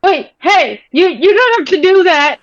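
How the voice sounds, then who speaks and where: A woman's voice: very high voice, big pitch swings, measured pace. A woman playing a tabletop game, casually role-playing and narrating, often hesitant and repeating words. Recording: dry, slightly dull microphone sound.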